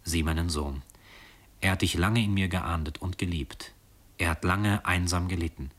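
A man reading a story aloud, voicing a grave, loving noble countess in a solemn, measured way. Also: low voice, a bit bright.

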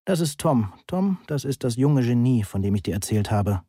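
Ein Mann spricht eine resolute, bestimmende ältere Frau und Großmutter in einem Hörbuch. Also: male voice, medium pitch, very animated, dark tone, husky, no echo, studio quality. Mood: bossy brisk. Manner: brisk, bossy. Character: energetic older woman, a grandmother, bossy and brisk.

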